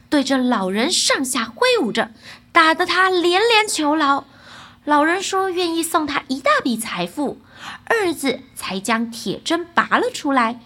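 A woman narrating a children's bedtime fairy tale in a lively, expressive way. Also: sits high. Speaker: storyteller.

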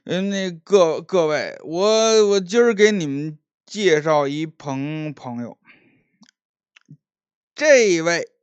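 A man voicing a drunk, mocking young gentleman who taunts an old classmate and stammers as he talks. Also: on the high side, slow, clear, resonant tone, no echo, muffled recording. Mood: boastful. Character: drunk, sneering young male gentleman bully.

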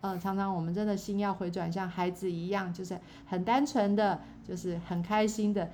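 A middle-aged woman, chatting casually about faith and her songwriting, pausing often with fillers and restarts. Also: medium pitch, fairly even intonation, mellow, slight background noise. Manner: hesitant, many fillers and restarts. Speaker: songwriter and church worker.

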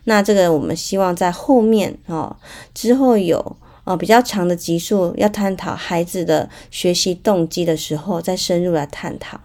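A woman's voice: lowish voice, normal speed, darkish tone. Chatty Taiwanese woman podcaster. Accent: Taiwanese Mandarin. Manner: storytelling, chatty, many fillers. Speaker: podcast host. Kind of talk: parenting podcast monologue.

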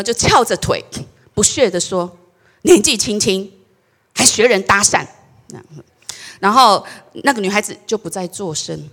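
A woman's voice: mid-range voice, slightly rough. A woman pastor giving a sermon, leading the congregation in reading verses aloud and telling jokes in Taiwanese Mandarin. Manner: animated, tells jokes and leads the congregation in call-and-response.

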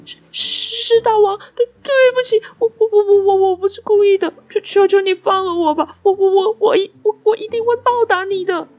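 A woman doing a squeaky timid little mouse. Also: animated, no echo. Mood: stammering, terrified. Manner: stammering, high and quick. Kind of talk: bedtime storybook voice.

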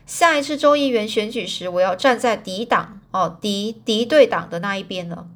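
A woman voicing a hot-tempered, jealous male gang member in a storybook reading, angry and shouting. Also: medium pitch, normal speed, lightly acted. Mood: furious.

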